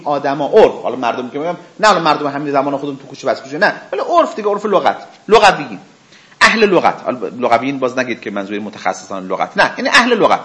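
A man's voice: fairly high pitch, fairly bright tone. A man teaching a religious seminary lesson, who acts out questions and answers with imagined speakers and asks his listeners rhetorical questions. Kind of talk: spoken lecture.

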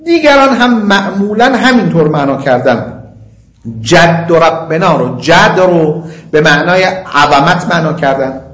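A man lecturing on religious law, reciting Arabic passages slowly and explaining them in quick, conversational asides. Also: fairly high pitch, lively intonation, a bit bright, roomy sound. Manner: slow chanting of quoted Arabic, quick asides. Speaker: seminary lecturer.

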